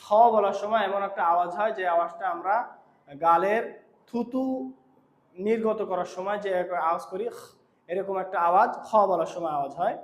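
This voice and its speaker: A man with a high voice teaches recitation, pointing out mistakes and chanting each verse slowly. His voice rings in an echoey room. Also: fairly even intonation. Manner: explains errors then chants verses slowly. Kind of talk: recitation lesson correcting pronunciation.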